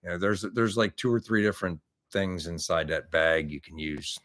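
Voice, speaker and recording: Answering viewers on his car hobby livestream, a fifty-something man talks casually and rambles, often restarting and using fillers. His voice sits low with a fairly bright tone, at normal speed.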